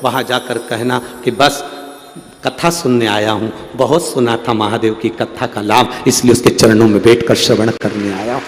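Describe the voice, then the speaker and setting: A man's voice: mid-range voice, steady tone, normal speed. A man from central India giving a devotional sermon, telling a story dramatically and acting out voices. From Madhya Pradesh, India. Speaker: religious storyteller. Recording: echoey hall-like PA sound.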